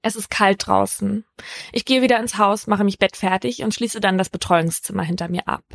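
A woman who works as a care worker tells her own story in a calm, matter-of-fact first-person narration. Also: mid-range voice, moderate pace, gravelly, no echo, clean studio sound. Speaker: care worker in a youth facility.

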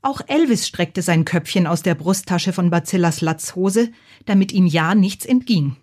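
A woman narrating a children's storybook in a calm, measured reading. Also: fairly low pitch.

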